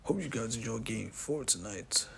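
A man's voice: on the low side, lively intonation, moderate pace, creaky, a bit bright, a little hiss or hum. A man hosting a casual sports talk show, rambling and repeating himself, sounding exasperated and often calling the listener "bro.". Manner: rambling, repetitive, exasperated, says "bro" a lot.

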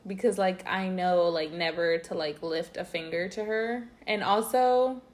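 A woman's voice: lowish voice, measured pace. A young woman in casual conversation, spinning a loose story with "like" in every breath. She laughs as she talks and keeps her tone easy and candid. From United States. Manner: loose storytelling, heavy use of "like", laughs through stories. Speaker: co-host. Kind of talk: casual chat.

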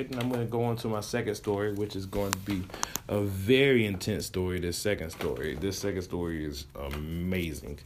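A man's voice: sits low, darkish tone, a little hiss or hum. A man hosting a casual storytelling show, rambling with many restarts and fillers, chuckling at his own stories. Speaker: podcast host telling stories.

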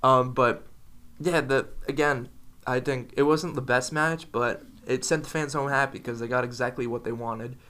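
A man's voice: mid-range voice, fairly even intonation, moderate pace, a bit bright. A young man co-hosting a podcast in casual chat, talking in an enthusiastic, rambling way. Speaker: podcast co-host.

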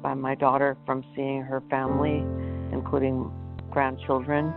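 An older grandparent speaking slowly and wistfully in a voicemail. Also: medium pitch, monotone, vocal fry, over music. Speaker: grandparent caller. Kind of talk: casual voicemail. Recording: tinny phone line.

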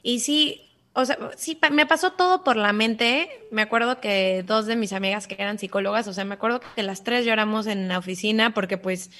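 A woman with a Mexican accent telling a personal story in an interview, animated and acting out voices. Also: medium pitch, fairly quick. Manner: animated, acts out quoted voices. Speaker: guest.

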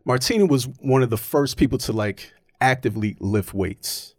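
A man's voice: medium pitch, moderate pace, a little mellow, no room sound, clean studio sound. A man in casual, opinionated chat, arguing his point emphatically and often checking in with "right?".

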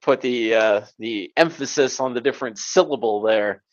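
A man co-hosting a casual sports podcast, halting and hesitant, cursing casually. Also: mid-range voice, lo-fi sound. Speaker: podcast co-host.

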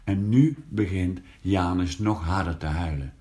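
A man reading a children's story aloud, slow and expressive, lifting his voice for the characters. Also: low voice.

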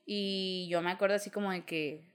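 A woman's voice: medium pitch, steady tone, brisk, clear, resonant tone. A young woman with a Mexican Spanish accent, co-hosting a casual chat and telling candid, slangy stories about her family.

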